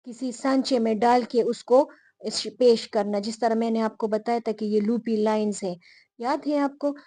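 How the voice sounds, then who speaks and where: Woman, teacher, unhurried explaining, repeats terms, warm dark tone, dry sound. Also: a little high, fairly even intonation, no echo. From Pakistan. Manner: unhurried, many restarts and fillers, repeats terms slowly. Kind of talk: explaining lesson to camera.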